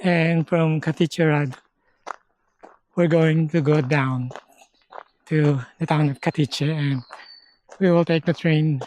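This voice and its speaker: A man from the Philippines vlogging a forest hike, explaining things slowly in short halting phrases, sometimes out of breath. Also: on the high side, darkish tone, a little hiss or hum. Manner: slow, halting, explains step by step. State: out of breath at times. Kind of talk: casual hiking vlog. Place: outdoors on a forest trail.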